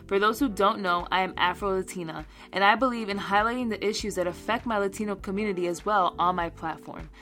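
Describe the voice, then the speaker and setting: A woman's voice: medium pitch, normal speed, hardly any pauses, sharp tone, soft background music. A woman with an American accent delivering a scripted podcast introduction as its host. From United States.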